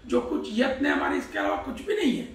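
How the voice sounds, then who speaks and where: Speaking fast in a very high-pitched, animated voice, this man delivers a Hindi Vedic discourse, reciting Sanskrit verses and explaining them. He raises questions and answers them himself. The room is echoey and the mic is far away.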